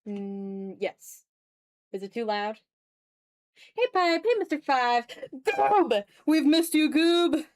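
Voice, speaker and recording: While drawing on an art livestream, a video creator chats casually with viewers and keeps stopping to greet people in the chat. Her voice sits high, sing-song and slow. Her streaming mic has just been set up a little too far away.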